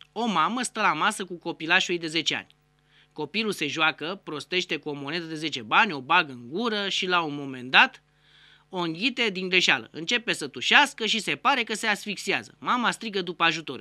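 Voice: medium pitch, bright, forceful tone, no echo. A host telling a string of jokes in a casual monologue, acting out the characters. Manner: acts out joke characters with raised voice.

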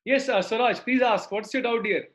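A man's voice: very high voice, normal speed, fairly bright tone. A middle-aged man with a South Indian accent, teaching maths in a live online class and checking understanding with tag questions. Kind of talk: live interactive online lesson.

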